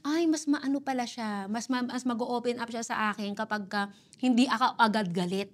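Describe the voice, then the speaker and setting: A Filipina mother of four, a guest on an interview show, telling family stories in a lively conversational way and switching between Tagalog and English. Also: a little high, normal speed. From Philippines. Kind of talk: casual interview storytelling. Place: Canada.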